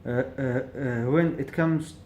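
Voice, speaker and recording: A vlogger speaks slowly in a mid-range, slightly mellow voice, with slight background noise in the clip. In his reflective solo monologue to camera he thinks aloud with hesitation, stuttering on repeated syllables and often beginning again.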